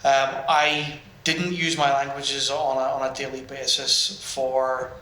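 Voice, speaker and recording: On a business panel in an event room with an audience, a man speaks hesitantly, restarting often and filling gaps with lots of ums. His mid-range voice holds a level tone and moves slowly, sounding pushed and bright. The roomy hall comes through on the recording, along with slight background noise.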